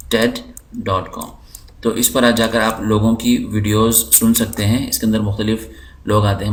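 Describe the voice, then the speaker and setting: Man patiently teaching English from his screen. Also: medium pitch. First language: Urdu. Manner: slow explanatory teaching, repeating words. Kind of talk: screen-recorded lesson.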